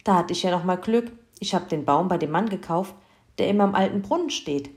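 A woman's voice: mid-range voice, lively intonation, normal speed, pitched above the performer's own voice, close to an everyday voice. A woman voicing a flustered, hardworking father in a children's story. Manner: unsure, flustered.

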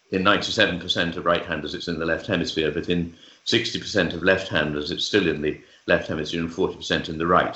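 A man speaking as a guest author, explaining ideas in measured talk with frequent pauses, fillers and restarts. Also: fairly low pitch, pushed and bright. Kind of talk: thoughtful explanatory interview talk. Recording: roomy, dull lo-fi sound.

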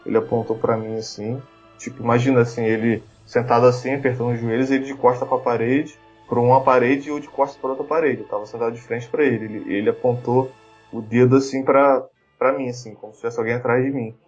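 A man's voice: mid-range voice, steady tone, fast, a little mellow, highs cut off, faint music behind. A man with a Brazilian Portuguese accent telling a story in casual chat, full of fillers and restarts. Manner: chatty, lots of fillers and restarts.

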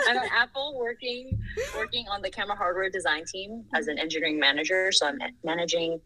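A Thai woman in her thirties, a podcast guest, speaks earnestly and laughs easily in a casual interview. Her mid-range voice has a sing-song lilt and moves at a normal speed. The low-quality recording picks up a crowd behind her.

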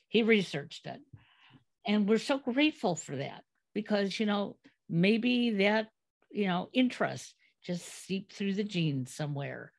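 A middle-aged woman hosts a podcast interview, speaking in a fairly low voice. She reminisces at length and tells family stories in a conversational way. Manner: reminiscing, telling family anecdotes. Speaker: podcast host.

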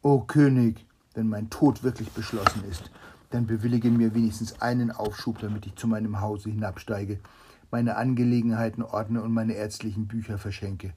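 A man's voice: on the low side, expressive, moderate pace, mellow, a little hiss or hum. A man voicing a wise old court doctor. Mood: pleading. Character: calm, wise court physician. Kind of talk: reading a fairy tale aloud to a child.

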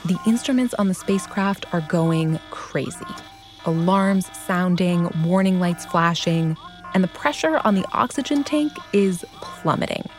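A woman's voice: fairly low pitch, animated, a little slow. A woman narrating a scripted documentary in an informal, explanatory way with emphatic phrasing. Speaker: narrator and host. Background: background music.

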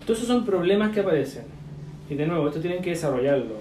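A man with a Chilean accent coaching entrepreneurs in a loose, slang-filled chat. His voice sits a little high but sounds mellow and warm. The recording is echoey, with a faint hiss behind him. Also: animated, rapid-fire. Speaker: business mentor. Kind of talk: casual mentoring chat. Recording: echoey room.

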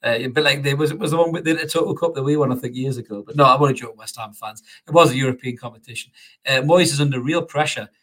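A man hosts a loose football chat, swearing freely and laughing along as he talks. His voice sits at an ordinary middle pitch for a man. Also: fast, fairly bright tone. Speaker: podcast host.

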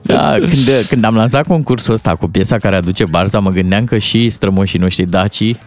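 A man co-hosting a morning radio show, joking playfully with the other hosts. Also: on the low side. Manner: playful, jokey. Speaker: radio co-host. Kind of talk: lively radio banter.

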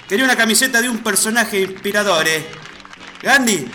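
A man's voice: sits high, expressive, fairly quick. A man playing a corny Sicilian comic who explains his own puns in a mock-Italian manner. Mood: joking. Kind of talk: comedy sketch. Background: music.

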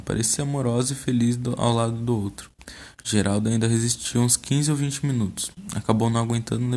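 Gravelly Brazilian man reading a story. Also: mid-range voice, warm tone. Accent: Brazilian Portuguese. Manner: casual, curses at his own slips. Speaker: podcast host. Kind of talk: reading a short story aloud.

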